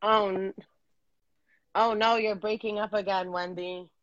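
A woman's voice: medium pitch, fairly even intonation, a little slow, fairly bright tone, no echo, highs cut off. A woman co-hosting a casual chat show over a video call, talking earnestly and rambling, with many fillers and restarts. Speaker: podcast co-host.

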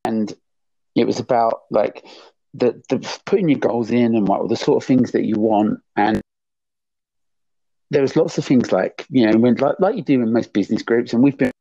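A male podcast co-host rants in a rambling, exasperated manner during casual chat, swearing now and then. His medium-pitched, warm voice moves at normal speed, captured in a dull, dry, lo-fi recording.

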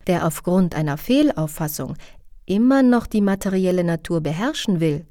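A woman narrating a religious book in an even, reverent reading style. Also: fairly low pitch, normal speed, no echo, studio quality. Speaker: audiobook narrator. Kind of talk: scripted narration of a religious text.

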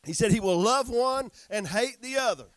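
A man's voice: very high voice, moderate pace, a bit bright, no room sound, rough recording. A man preaching a sermon as pastor, reading and paraphrasing scripture with emphatic repetition.

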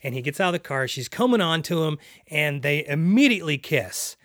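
A man's voice: on the high side, big pitch swings, fairly quick, fairly bright tone, no room sound, studio quality. A man chatting about a film, searching for words with lots of ums and restarts. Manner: hesitant, many ums and restarts. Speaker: podcast co-host. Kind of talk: casual film discussion.

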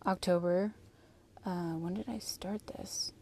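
A woman's voice: on the low side, fairly even intonation, takes it slowly, dark tone. An American woman hosting a personal audio diary podcast, talking casually and candidly in an informal, chatty monologue with frequent asides.

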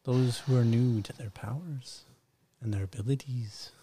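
A man voicing an old bearded antique shop owner who talks slowly and mysteriously. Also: medium pitch, warm tone, slight background noise, lightly acted.

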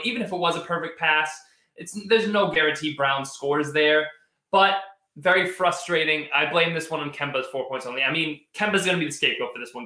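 A man hosts live sports commentary in a conversational, off-the-cuff way, doubling back on words as he thinks. His voice is bright and slightly high, with a roomy echo around it. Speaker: sports show host. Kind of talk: live post-game commentary, answering chat.

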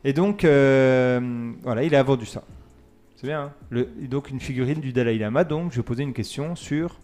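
A man's voice: mid-range voice, normal speed, a little mellow. A man hosting a casual radio quiz, reading multiple-choice questions, counting down and joking with his co-hosts. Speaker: quiz host.

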